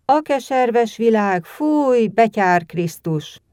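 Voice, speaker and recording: Woman voicing a small boy playing a drunk, shouting, abusive, slurred, mellow tone, dry close sound. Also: mid-range voice, expressive, dry recording, natural voice. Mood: drunken shouting.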